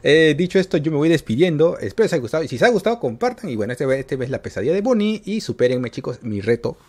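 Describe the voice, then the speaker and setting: A man giving excited gameplay commentary to his viewers, yelping and shrieking when he gets caught. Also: on the high side, fast talker. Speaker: gaming YouTuber.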